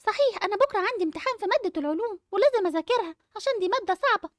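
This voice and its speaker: A female voice doing a chirpy little schoolgirl with a very high voice and an Egyptian Arabic accent. She chatters at a rapid pace. The recording is dry and close. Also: expressive, no room sound. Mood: chatty. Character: cheerful young schoolgirl, honest and chatty. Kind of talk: dubbed animated game movie.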